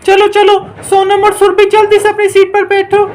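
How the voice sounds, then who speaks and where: A woman's voice: very high-pitched, monotone, normal speed, a little mellow, slight background noise. A woman voicing a strict, impatient female schoolteacher who scolds and hurries her pupils in a doll story. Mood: stern. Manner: scolding, hurrying, threatening. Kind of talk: doll story role-play.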